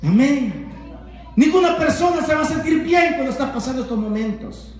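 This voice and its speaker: A man's voice: very high-pitched, expressive, moderate pace. A man preaching a sermon at home, fervent, with rhetorical questions and repeated amens. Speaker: evangelist preacher. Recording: very echoey room.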